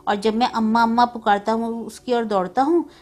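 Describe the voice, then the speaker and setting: A woman's voice: fairly high pitch, steady tone, a little fast, a little mellow, close to an everyday voice. A woman voicing a small boy grieving for his dead mother, pleading and insistent.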